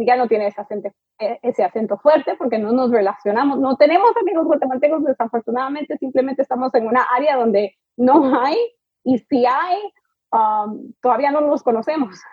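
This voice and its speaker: A middle-aged woman, a native English speaker, talks as an interview guest in a chatty way. She restarts often and fills pauses with little sounds. Her voice is a bit high and husky, and the recording is dry and muffled. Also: dry recording. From United States. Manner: chatty and warm, with many fillers and restarts. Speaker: guest, immigration lawyer. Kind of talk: conversational interview.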